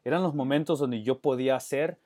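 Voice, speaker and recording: A male educator, appearing as a guest, answers interview questions earnestly, often slipping English words into his Spanish and restarting phrases. His mid-range voice is dark-toned and a little fast, captured with studio quality and no echo.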